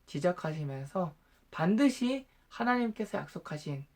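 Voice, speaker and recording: Gentle male Bible storyteller. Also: high voice, animated, moderate pace. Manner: polite, gentle, explanatory.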